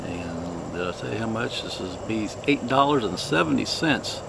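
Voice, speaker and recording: A man hosting a casual product review, talking in an unhurried, halting, plainspoken way. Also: on the low side, animated, gravelly, noisy background. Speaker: cigar review host.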